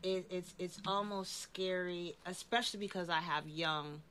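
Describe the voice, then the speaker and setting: A woman's voice: lowish voice, steady tone, moderate pace, fairly bright tone, a little hiss or hum. A woman in her forties hosting a casual interview, talking thoughtfully with many fillers and restarts. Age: 40s. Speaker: host.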